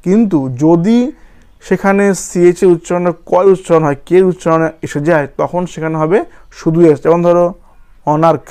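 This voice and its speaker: A man's voice: a little high, steady tone, normal speed, mellow, clear, resonant tone. A man teaching a grammar lesson, spelling words out letter by letter and often checking that students follow. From West Bengal.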